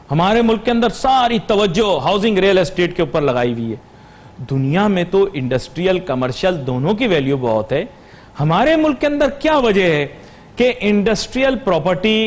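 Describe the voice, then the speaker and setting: Sarcastic Pakistani male TV host. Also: a little high. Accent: Pakistani Urdu. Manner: sarcastic, mocking asides. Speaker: TV business show host. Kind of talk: satirical monologue then interviewing.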